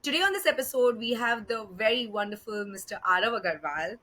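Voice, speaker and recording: A woman with a very bright, forceful, fairly high voice and an Indian accent hosts a podcast. She interviews conversationally, sounding effusive and encouraging towards her guest. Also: lively intonation, brisk. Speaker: podcast host.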